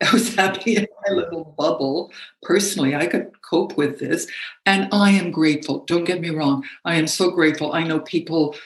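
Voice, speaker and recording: A middle-aged woman, a speaking coach, talking animatedly as an interview guest, with frequent laughs and halting restarts. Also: sits low, reverberant. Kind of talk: conversational interview.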